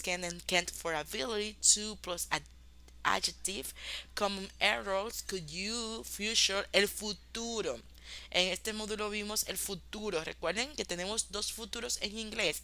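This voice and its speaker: Woman, English teacher, bright voice, explains in Spanish, slow English examples. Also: mid-range voice. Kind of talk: online class review.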